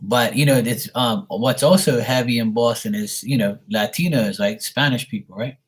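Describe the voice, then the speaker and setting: A man's voice: mid-range voice, moderate pace, slightly rough. A man from Bermuda, a tarot reader telling a rambling story on a live stream, blunt and swearing casually.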